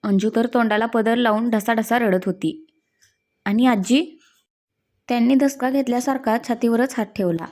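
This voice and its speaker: A woman narrates a family drama story in a steady, expressive reading. Her voice sits slightly high with a mellow, soft tone. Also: fairly quick.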